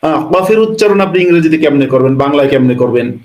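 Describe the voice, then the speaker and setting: A man's voice: fairly high pitch, lively intonation, quick pace, darkish tone, dull audio. Man lecturing in a roomy echo. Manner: lecturing, piles up rhetorical questions. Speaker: Islamic scholar answering questions. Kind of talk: explanatory answer in a Q&A.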